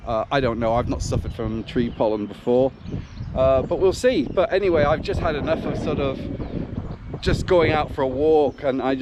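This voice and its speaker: A man chatting casually and hesitantly to a vlog while out on a run beside country roads. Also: medium pitch. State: occasional dry cough. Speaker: running vlogger. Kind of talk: casual outdoor vlog chat. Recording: noisy outdoor recording with passing traffic. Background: cars and motorbikes going by.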